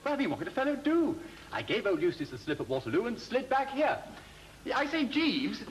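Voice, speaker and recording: A man's voice: high voice, huge pitch swings, fairly quick, slight background noise. An actor playing a breezy, feckless young man with an upper-class English accent and airy period slang, in a comedy. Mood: nonchalant.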